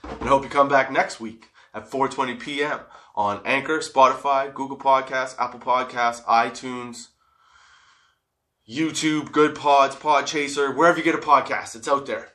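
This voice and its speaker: A man's voice: mid-range voice, steady tone, normal speed, fairly bright tone. A man hosting a casual, comedic solo podcast, stoned and rambling, giggly, drawing out the odd word. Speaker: podcast host.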